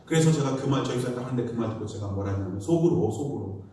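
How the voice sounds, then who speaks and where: A man's voice: medium pitch, animated, rapid-fire, dark tone, heavy reverb, recorded from a distance, slight background noise. A man preaching a Sunday sermon as pastor, a storyteller who acts out the voices of people in his stories. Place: church sanctuary.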